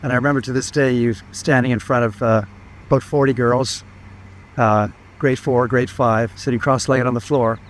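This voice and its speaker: A man's voice: medium pitch, steady tone, moderate pace. A man speaking directly to someone, earnestly recalling a shared memory. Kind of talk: addressing a person directly in remembrance.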